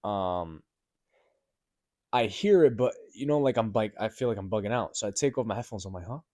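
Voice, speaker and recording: Low-voiced young man rambling casually. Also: a little fast, no room sound, clean studio sound. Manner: rambling, heavy filler words and profanity; gets loud and animated retelling a shock. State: recovering from sickness. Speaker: podcast host. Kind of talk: casual solo storytelling. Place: apartment building room.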